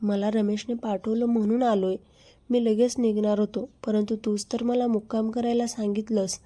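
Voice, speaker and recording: A woman's voice: a little high, level tone, normal speed, dark tone, lightly acted. A woman voicing a brazen man who speaks in an insistent, coaxing way. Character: brazen pushy man, friend of husband.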